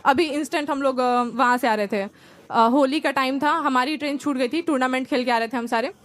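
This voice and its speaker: A young woman from India, performing stand-up comedy and telling lively stories in which she acts out relatives and friends. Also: sits high, a little fast. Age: young adult.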